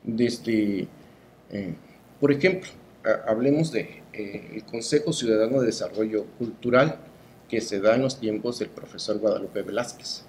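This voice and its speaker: A man's voice: fairly low pitch, measured pace, darkish tone, slight background noise. A middle-aged man with a Mexican accent giving opinions in an interview as a cultural promoter, speaking emphatically and rhetorically with frequent tag questions.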